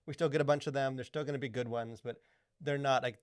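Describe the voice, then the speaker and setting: Chatting loosely as a podcast co-host, this man rambles at a quick pace with plenty of "like" and "you know." His medium-pitched voice has fairly even intonation, recorded in studio quality with no room sound.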